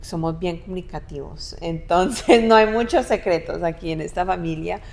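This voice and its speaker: A young adult woman talking casually with her mother, often pausing and restarting as she searches for words. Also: on the low side, creaky, darkish tone. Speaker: guest, adult daughter. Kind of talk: casual podcast conversation.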